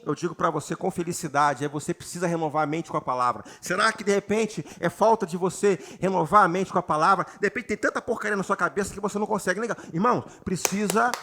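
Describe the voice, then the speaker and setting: A man from Brazil, a pastor preaching a sermon, reading scripture slowly and often calling out to the congregation with rising emphasis. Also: sits high, bright, forceful tone. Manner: reads scripture slowly and has the congregation repeat words. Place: church retreat gathering.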